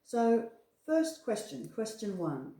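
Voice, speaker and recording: A woman's voice: medium pitch, sing-song, slow, dark tone. A woman working as an assessor, giving a spoken briefing in a reassuring, encouraging manner. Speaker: assessor and trainer. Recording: echoey room, distant microphone.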